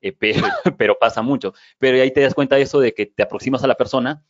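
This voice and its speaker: A man's voice: mid-range voice, fast, dry recording. Hesitant male interviewer, dry lo-fi sound. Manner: hesitant, many fillers and restarts while framing questions. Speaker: podcast interviewer. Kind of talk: conversational interview.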